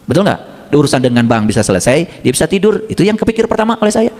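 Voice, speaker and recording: A middle-aged male religious teacher gives a brisk, lively sermon. His voice is fairly high and swoops widely as he quizzes his listeners. A long hall reverb trails behind every phrase. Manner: animated, asks the audience questions and acts out dialogues. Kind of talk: informal sermon to a congregation.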